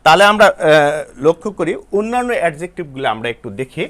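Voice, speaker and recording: A man's voice: on the high side, big pitch swings, fast, fairly bright tone. A male English teacher from Bangladesh giving an online lesson to students, explaining step by step and spelling words out letter by letter. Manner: addresses students directly, repeats himself.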